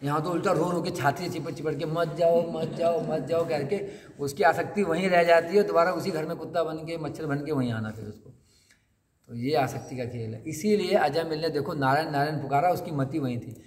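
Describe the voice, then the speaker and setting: A man's voice: a little high, a little fast. A man giving a conversational sermon at a scripture class, asking his listeners questions and acting out the lines he quotes. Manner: conversational, asks the audience questions and acts out quotes. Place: temple hall. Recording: long hall reverb, faint noise.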